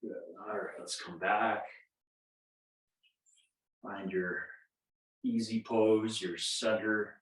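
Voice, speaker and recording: A low-voiced man in his fifties leads a guided yoga class with fairly even intonation, a slow pace, and long pauses. His tone is fairly bright, and he is self-deprecating and chuckles at his own jokes. He is far from the mic, his off-mic voice carrying a roomy echo.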